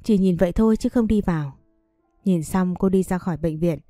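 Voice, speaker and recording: Low mellow woman narrating a story. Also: fairly quick, no room sound, clean studio sound, faint music behind.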